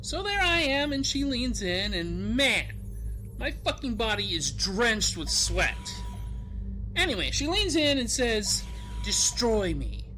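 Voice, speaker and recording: A woman voicing an awkward, crude young man who rambles excitably and swears a lot. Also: slow, faint music behind, exaggerated voice, rough recording. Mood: excitable. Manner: excitable, rambling and profane, jumps in pitch. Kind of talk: animated comedy voice acting.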